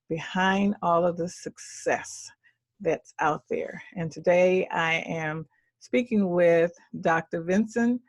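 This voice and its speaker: A woman's voice: lowish voice, dry recording. A woman hosting an interview show, welcoming her guest with upbeat enthusiasm.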